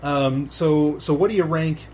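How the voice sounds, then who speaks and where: A man's voice: on the high side, unhurried, darkish tone, slight background noise. A man hosting a podcast in casual chat, rambling with many fillers and restarts and laughing often. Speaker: podcast host.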